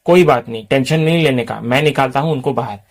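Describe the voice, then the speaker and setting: A man's voice: medium pitch, fast, natural voice. A man reading the lines of a brash young man who teases in street slang. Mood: mocking.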